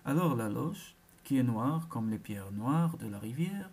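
A storyteller reading a folk tale aloud, unhurried and expressive. The voice is mellow and dark, sitting at a middle pitch. Each phrase is given its own shape. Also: husky.

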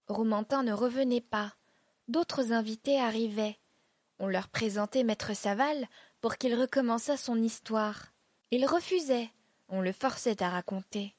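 A woman narrates a classic tale in a measured, expressive way, her voice a touch high. The recording is close and dry, with no room around it. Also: no room sound. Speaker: audiobook narrator. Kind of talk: scripted narration of a classic story.

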